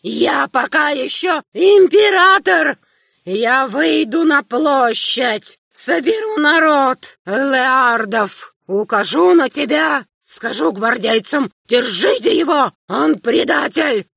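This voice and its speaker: A woman voicing an old, half-blind male emperor who rants and shouts in a quavering old man's voice, reading an audiobook. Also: high voice, lively intonation, gravelly, no echo, studio quality, voice pushed up, heavily acted. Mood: ranting fury. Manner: ranting, shouting, drawn-out curses. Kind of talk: audiobook character voice.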